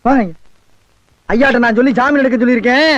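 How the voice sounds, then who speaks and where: A cheeky, high-voiced beggar sidekick. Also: male voice, fast talker, fairly bright tone, no room sound. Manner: cheeky, mock-consoling banter. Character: cheeky, talkative male beggar, comic sidekick.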